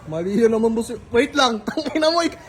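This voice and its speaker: A man's voice: extremely high pitch, expressive, fairly quick. A man playing an exasperated customer in a comedy skit, accusing the vendor and swearing casually.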